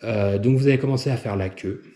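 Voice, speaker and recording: A man's voice: medium pitch, brisk, mellow. A man explaining a travel stopover step by step, hesitant and full of filler sounds. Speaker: travel vlogger. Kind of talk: casual explanatory travel guide. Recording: roomy echo.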